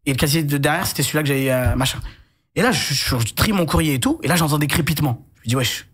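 A young man telling a long personal story in a casual chat as a guest, rushing through anecdotes with frequent restarts and asides. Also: on the high side, husky. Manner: rapid animated storytelling with many restarts and asides.

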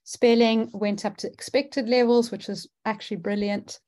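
A woman's voice: on the high side, fairly even intonation, normal speed, a little mellow. A woman, a dyslexia specialist teacher, presenting a webinar and explaining her methods step by step with frequent fillers.

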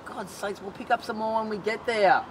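A man playing a fed-up driver in an amateur comedy sketch, scolding his friends and shouting often. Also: sits high, normal speed, background noise, close to an everyday voice. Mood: irritated. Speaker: driver of the car. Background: loud music.

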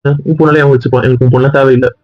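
A man's voice: mid-range voice, fairly even intonation, racing, highs cut off. A man in casual family banter, clingy and pleading as he talks to his wife and family. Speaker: husband in a family skit.

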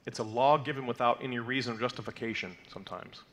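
Talking quickly in a medium-pitched, slightly bright voice, a man in his thirties explains the weekly Torah portion to a congregation from a lectern. He isn't a native Hebrew speaker and patiently clarifies terms, often using fillers and asking "okay?" The mid-size indoor sanctuary recording has a little hiss or hum.

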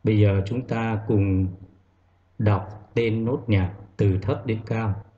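A man's voice: on the low side, fairly even intonation, dark tone, muffled recording. A man teaching a primary school music lesson, giving patient step-by-step instructions to children. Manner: slow, patient instructions, sings note names over instrument.

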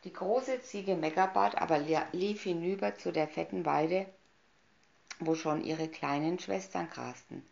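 A woman reading a fairy tale aloud from a picture booklet, announcing each picture in calm storybook narration. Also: fairly low pitch, unhurried, gravelly, a little hiss or hum. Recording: dull lo-fi recording.

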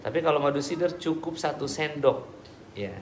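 Preacher in an echoey hall. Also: male voice, on the high side, lively intonation, normal speed, slight background noise. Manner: conversational, acts out dialogues, checks understanding. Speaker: ustaz answering questions. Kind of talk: religious talk with audience Q&A.

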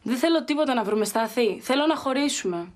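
A woman's voice: fairly high pitch, lively intonation, natural voice. Actress as a distant young woman ending a relationship, restrained delivery. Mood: cold. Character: young woman breaking up with boyfriend.

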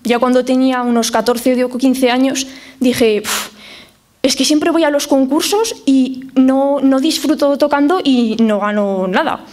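A young adult woman, a professional harpist with a Spain Spanish accent, giving a talk to families and explaining things with lively spoken examples. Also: high voice, a little slow.

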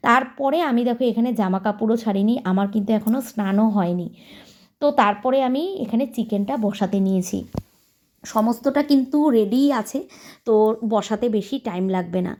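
A homemaker in her thirties from West Bengal talks to camera at home, addressing her viewers directly as she goes. Her voice is soft and mellow, never sharp. Her delivery is casual and chatty, an everyday running commentary. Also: medium pitch, a little fast. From West Bengal, India. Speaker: homemaker vlogger.

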